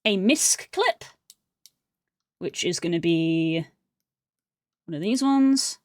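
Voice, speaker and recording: A woman's voice: on the low side, lively intonation, slow, no echo, clean studio sound. Woman streamer muttering through her edits. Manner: muttering and thinking aloud to herself. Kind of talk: casual commentary while editing clips.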